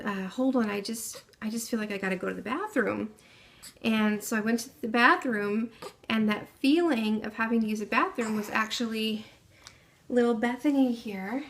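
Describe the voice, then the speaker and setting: In a medium-pitched voice, a young woman shares the story of giving birth to her baby at home. She speaks softly and casually, with frequent pauses and fillers.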